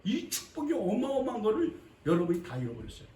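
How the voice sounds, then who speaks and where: Man preaching, high lively voice, emphatic and repetitive, echoey church heard from a distance. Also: quick pace. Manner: emphatic, repetitive, swings from loud to quiet. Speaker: pastor. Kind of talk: sermon. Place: church sanctuary.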